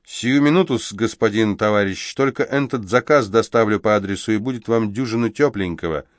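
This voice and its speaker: A man's voice: fairly low pitch, brisk, dry recording, studio quality, natural voice. A man voicing a servile male tavern waiter who answers in an obsequious, overly polite way. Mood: fawning.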